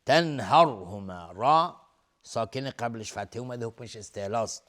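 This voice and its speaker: A man with a Persian accent teaching Quran recitation rules. He chants verses slowly and loudly, then explains each rule in quick, plain speech. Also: mid-range voice.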